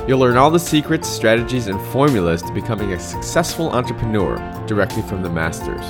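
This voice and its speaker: A man's voice: on the low side, big pitch swings, fairly quick, music in the background. A man hosting a business interview podcast, reading a polished intro and then asking questions with frequent restarts and fillers. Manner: hesitant, restarts words when ad-libbing. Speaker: podcast host.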